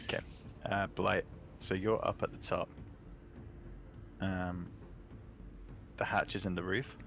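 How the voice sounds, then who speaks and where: Gravelly low-voiced man as casual game master, faint hiss behind. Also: level tone, slow, fairly bright tone. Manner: casual, descriptive narration with fillers. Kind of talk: narrating a tabletop game.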